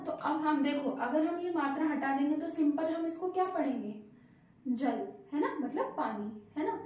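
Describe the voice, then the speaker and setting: In a very echoey room, a Hindi teacher leads children through a language lesson. Her voice is high-pitched with a dark tone, and she questions her young learners patiently and offers them praise.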